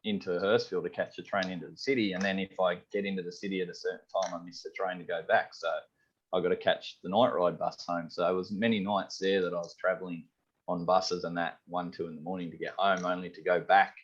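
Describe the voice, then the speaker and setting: A husky, low-sitting voice belongs to a fast-talking Australian head chef from Sydney. In a casual interview he rambles on, easygoing and heavy on "you know" and "um." Sound quality is lo-fi and a touch dull.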